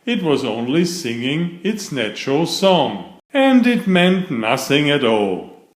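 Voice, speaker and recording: A man with a voice on the high side reads a children's story aloud in an echoey room, his storytelling measured and expressive.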